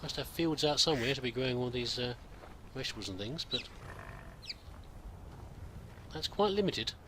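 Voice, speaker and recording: A man's voice: mid-range voice, quick pace, pushed and bright, a little hiss or hum. A man giving casual, rambling game commentary, musing aloud hesitantly and politely as he plays. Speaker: gamer narrating a roleplay playthrough.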